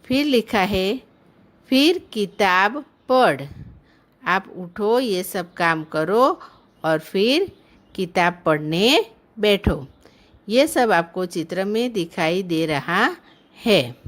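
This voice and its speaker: Female primary teacher, unhurried to the extreme, stretches each syllable for young pupils. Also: medium pitch, lively intonation. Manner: drawn-out, careful syllable-by-syllable pronunciation; gentle explaining tone addressing children. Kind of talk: slow online Hindi lesson for children.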